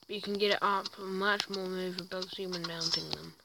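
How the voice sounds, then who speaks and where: Speaking fast in a lowish, steady voice made croaky by a sore throat, a woman reviews a tank in a video game with chatty, self-deprecating commentary, often tripping over her words. Loud background noise and clicks run through the recording.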